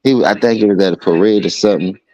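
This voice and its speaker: A man's voice: lowish voice, quick pace, darkish tone, dull audio. A man, chatting casually on a podcast and telling loose, profane stories.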